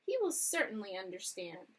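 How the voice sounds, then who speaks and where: A woman's voice: medium pitch, big pitch swings, moderate pace, a bit bright, slightly rough. A woman voicing an anxious, genteel lady dog in a storybook reading, polite and moaning.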